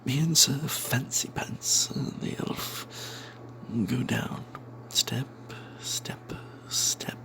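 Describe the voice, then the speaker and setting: A man plays a sly, money-minded cleric adventurer, whispering a first-person fantasy tale in ASMR style with a slow, breathy, mid-range voice. He sounds confiding, sardonic and wary, with crackly fry at the edges and hesitant asides.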